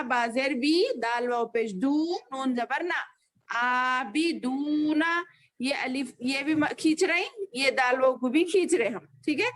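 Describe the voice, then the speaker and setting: A woman teaching a children's Quran class over a video call, patiently spelling out each letter and vowel. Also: high-pitched.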